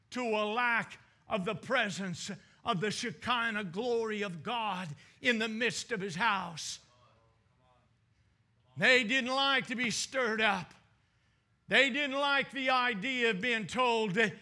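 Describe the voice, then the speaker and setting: A male pastor preaching a sermon with dramatic swings between loud bursts and hushed asides. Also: high-pitched.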